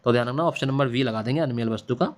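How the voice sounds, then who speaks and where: A man's voice: medium pitch, rapid-fire. Male exam-prep teacher, repetitive drilling delivery with a faint machine hiss in the background. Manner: repetitive, drilling answers with quiz-back questions. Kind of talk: exam-prep Hindi lesson. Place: classroom or home studio at night. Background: faint hiss of a machine running nearby.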